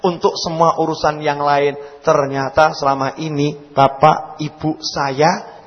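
Man, preacher, high voice, animated, loud then hushed, long hall reverb. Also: muffled recording. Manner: animated, swings from loud calls to quiet, questions the audience. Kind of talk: sermon.

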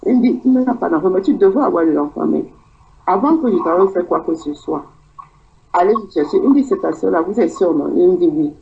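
Cameroonian woman, dark muffled voice. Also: lowish voice, lively intonation, a little fast, creaky. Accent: Cameroonian French. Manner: rambling storytelling, acts out quoted dialogue. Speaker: guest. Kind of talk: personal testimony in conversation.

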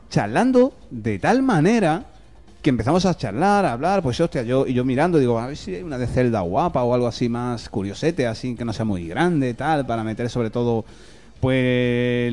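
A man from hosting a podcast, telling anecdotes in a lively, casual way with swearing and laughter. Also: mid-range voice. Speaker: podcast host. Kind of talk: casual chat, storytelling.

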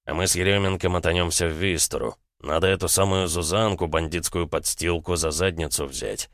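A man's voice: low voice, brisk, fairly bright tone, dry recording, clean studio sound. A man voicing an impatient male Soviet officer who speaks curtly and gives orders. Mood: commanding. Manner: curt, commanding.

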